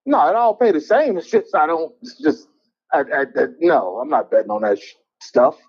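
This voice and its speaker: A man calling in to a show from a parking garage, heard over a phone line that sounds like speakerphone, blunt and opinionated with halting restarts. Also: on the high side, big pitch swings, slightly rough. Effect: phone call that sounds like it is on speakerphone. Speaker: caller. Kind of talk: casual call-in chat.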